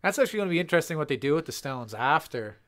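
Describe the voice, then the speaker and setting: A man co-hosting a casual movie commentary podcast, joking and teasing in quick bursts. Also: on the high side, expressive, a bit bright. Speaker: podcast co-host.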